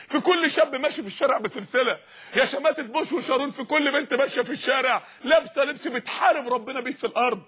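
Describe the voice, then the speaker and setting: An Egyptian man preaching an impassioned sermon, shouting repeated refrains. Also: very high voice, slightly rough.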